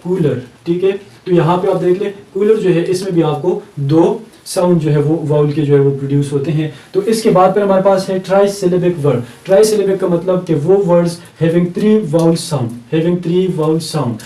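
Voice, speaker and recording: A male English teacher with a Pakistani accent giving a recorded lecture, explaining step by step and repeating example words slowly. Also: high voice, mellow. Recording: echoey room, mic at a distance.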